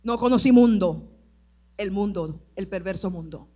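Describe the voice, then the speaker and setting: A woman pastor preaching her testimony at a church service, passionate, moving between loud declarations and soft, tearful recollection. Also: mid-range voice, measured pace. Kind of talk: sermon testimony.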